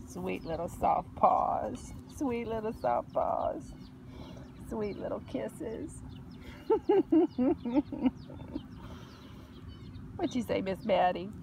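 A woman talking gently to a dog in a cooing, affectionate baby-talk voice. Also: mid-range voice, sing-song, very slow, creaky, pauses often, slight background noise. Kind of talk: casual talk to a dog on camera.

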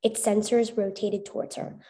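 A woman narrating a children's storybook aloud with clear, expressive reading. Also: mid-range voice, moderate pace. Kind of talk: storybook read-aloud for young readers.

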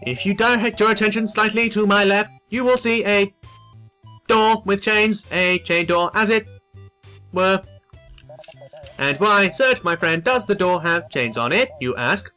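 A man's voice: sits high, measured pace, pushed and bright, smooth, faint music behind, pitched above the performer's own voice. A man voicing a robotic guide companion in a video game, speaking stiffly and formally.

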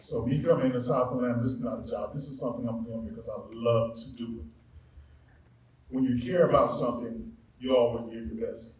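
A coach giving a plain, relaxed thank-you speech from quick notes at a school ceremony. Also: male voice, medium pitch, a little hiss or hum. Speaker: athletic director and coach. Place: school gathering space with a live audience. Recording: echoey room, voice from far off.

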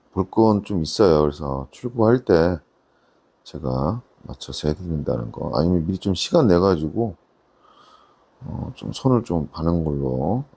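Low, gravelly used-car salesman. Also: dark tone. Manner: informal salesman patter, repeating selling points. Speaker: used car dealer presenting a car. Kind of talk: casual, unscripted sales walkaround review.

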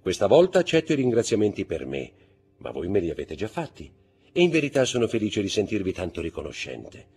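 A man's voice: fairly low pitch, huge pitch swings, fairly quick, a little mellow, husky, pitched above the performer's own voice, exaggerated voice. A man reading aloud and voicing a composed, courteous and mysterious wealthy count who answers with polite restraint. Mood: courteous, gracious.

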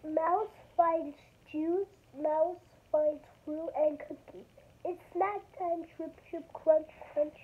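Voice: extremely high pitch, fairly even intonation, takes it slowly. A young child presenting and reading a picture book aloud, with casual asides, recorded on a handheld device in a bedroom. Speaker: young video maker reading a storybook aloud. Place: small bedroom, indoors. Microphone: phone or tablet at arm's length. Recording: dull lo-fi device mic, background noise.

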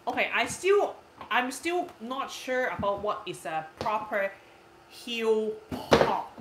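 Her fairly high, sing-song voice moves slowly as this woman in her thirties, whose first language is Cantonese, reads live stream comments aloud, giggly and repetitive. The audio is very noisy and the room echoey.

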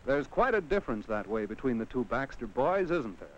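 Here an American man with a very animated mid-range voice speaks fairly quickly, narrating a script modeled on 1950s educational films. He talks right to the child on screen with rhetorical questions. A little hiss or hum sits under the dull, vintage 1950 film sound.

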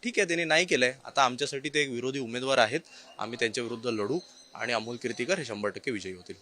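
A man's voice: mid-range voice, racing, sharp tone. A man, an opposition politician giving a firm, critical reaction to reporters. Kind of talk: news reaction soundbite.

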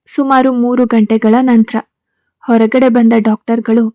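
Woman storyteller reading a serial aloud, mellow tone, somewhat high voice. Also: little pitch movement, unhurried, no room sound. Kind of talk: scripted narration of a serial story.

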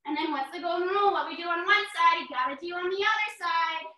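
Kids yoga teacher lady, really high bright voice, slow cues, echoey room and she's far from the mic. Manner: upbeat, encouraging, sing-song cues. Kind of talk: guiding a children's yoga class.

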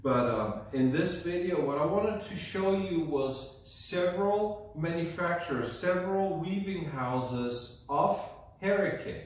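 A middle-aged man with a German accent, hosting a rug channel, talking slowly to camera with many ums and pauses in a rug showroom. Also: fairly high pitch. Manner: hesitant, many ums, slow and deliberate. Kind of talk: casual presenting to camera. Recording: very echoey room, mic at a distance.

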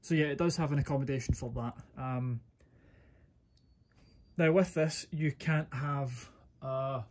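A man's voice: mid-range voice, unhurried. A man giving a casual hands-on product review in an informal, rambling way, often correcting himself. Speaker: gear reviewer.

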